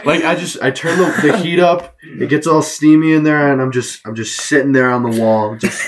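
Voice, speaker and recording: A man's voice: on the high side, moderate pace, background noise. A young man in casual chat, musing in a laid-back way.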